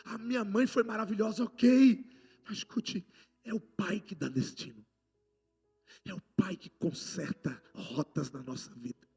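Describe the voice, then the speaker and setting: A man with a Brazilian Portuguese accent preaching a sermon, passionate and swinging between loud outbursts and hushed lines. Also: sits high, measured pace, vocal fry, husky, soft background music. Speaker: apostle preaching.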